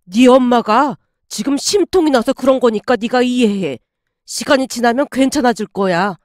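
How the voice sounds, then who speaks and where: Soft-spoken, reassuring father, voiced by a female narrator; high, dry. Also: normal speed, dry recording, natural voice. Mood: soothing. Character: gentle older father, calming his daughter.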